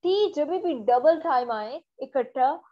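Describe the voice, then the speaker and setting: Slow high-voiced Pakistani woman teacher. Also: expressive, highs cut off. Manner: mixes Urdu and English, drills words slowly for repetition. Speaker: English pronunciation teacher. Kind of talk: online English lesson.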